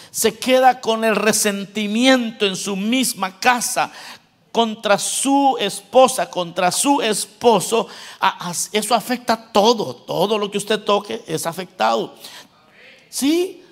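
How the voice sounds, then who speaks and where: A male pastor preaching a sermon, swinging between loud exhortation and quiet, joking asides to the congregation. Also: sits high.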